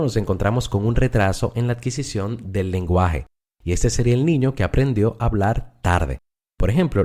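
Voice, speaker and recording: A man's voice: lowish voice, darkish tone. A man from the Dominican Republic explaining a topic in a lecture style, speaking to the listener directly and repeating words for emphasis. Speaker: neuropsychologist teaching.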